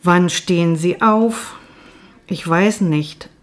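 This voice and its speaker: A woman voicing a calm, probing male psychologist in a novel reading, asking questions matter-of-factly. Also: fairly low pitch, slow.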